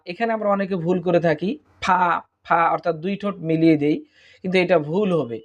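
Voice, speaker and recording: A man's voice: sits high, fast talker, dull audio. A man with a Bangladeshi Bengali accent teaching Arabic letter pronunciation, drawing out each letter and repeating it for listeners to copy. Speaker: Quran teacher.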